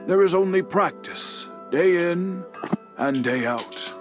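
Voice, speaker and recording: A dignified old bladesmith. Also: male voice, sits high, animated. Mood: calm. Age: older. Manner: measured, formal speech. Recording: game audio under music.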